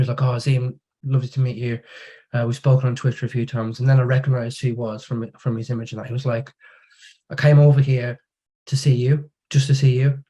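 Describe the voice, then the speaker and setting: Mellow-voiced man telling stories. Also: mid-range voice. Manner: relaxed storytelling, acts out quoted dialogue. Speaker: podcast guest. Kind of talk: casual conversation.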